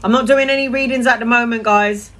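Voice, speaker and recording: A woman's voice: on the high side, fairly even intonation, fast talker, fairly bright tone, low-quality recording. A middle-aged woman chatting casually on a live stream, answering viewers' questions as a tarot reader in a blunt, sweary, rambling way.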